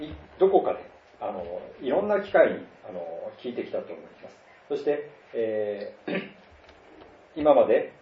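A middle-aged man from northern Japan preaching a sermon in an easygoing, conversational way, pausing often with fillers. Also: mid-range voice. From Tohoku, Japan. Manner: conversational, many fillers and pauses. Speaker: pastor. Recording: roomy, distant, dull lo-fi sound.

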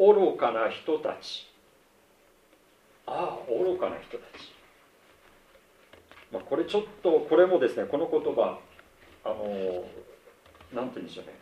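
A middle-aged man preaches a sermon in an easy, conversational way, measured and lively in pitch as he acts out quoted lines. He sounds roomy and set back from the mic in a church hall, with faint ambience behind him. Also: distant mic, muffled recording, slight background noise. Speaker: pastor.

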